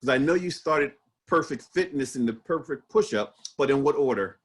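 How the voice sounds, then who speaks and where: A man's voice: mid-range voice, lively intonation, normal speed, husky. A man hosting an interview show, asking his guest questions and checking facts with him. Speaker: show host. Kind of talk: casual interview.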